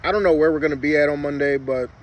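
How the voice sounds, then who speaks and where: With a lip packed with chewing tobacco muffling him slightly, a man rambles through a casual story in a relaxed camera vlog. His voice is fairly high and steady in tone, and he speaks very fast. Clear background noise from a vehicle surrounds him.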